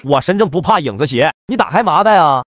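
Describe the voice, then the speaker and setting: A man plays a sly cartoon thug who sneers and protests fast, pitched somewhat high. The sound is a little dull and dry. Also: animated, fairly bright tone, no room sound. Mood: sneering. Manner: sneering, defensive. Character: sly scheming young gang thug.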